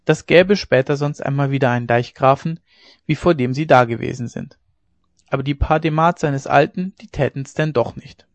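A man narrating a classic novella in a measured, even storytelling manner. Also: medium pitch, dry recording, muffled recording. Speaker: audiobook narrator.

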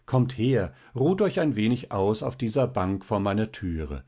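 A man voicing a kindly, doting older village pastor who speaks in an earnest, unhurried way. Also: fairly low pitch, big pitch swings, warm tone, breathy edge, exaggerated voice.

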